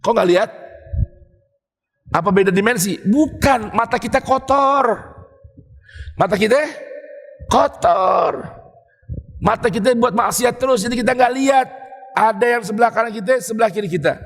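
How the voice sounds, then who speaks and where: A man preaching a lively morning sermon, talking straight to his congregation in a casual, animated way. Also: high voice, brisk. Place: mosque. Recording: long hall reverb in a mosque.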